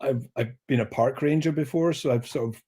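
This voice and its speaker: On a video call, a male guest with a mid-range, slightly rough voice chats casually at a brisk pace. He's an animated storyteller who projects loudly and pokes fun at himself.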